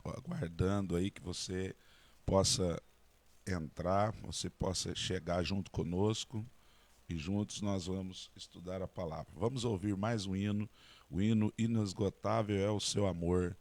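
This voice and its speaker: Male pastor, deep voice, opens an online Bible study and leads prayer. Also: fairly even intonation, measured pace, a little mellow, dry recording. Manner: speaks directly to online viewers, earnest prayer.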